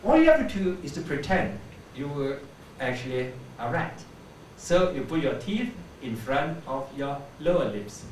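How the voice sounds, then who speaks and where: Animated man demonstrating pronunciation, echoey. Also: on the high side. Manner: demonstrates sounds slowly, repeating words. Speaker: pronunciation teacher. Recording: echoey room, voice from a distance, faint background hum.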